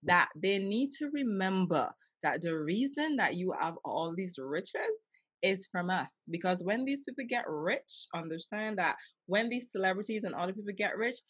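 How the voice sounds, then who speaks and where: A woman's voice: mid-range voice, fairly bright tone, breathy edge, no room sound. A woman with a Caribbean accent hosting a casual discussion, speaking emphatically and calling out to her listeners. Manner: emphatic, preachy, calls out to listeners. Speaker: host. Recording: dull, dry, muffled sound.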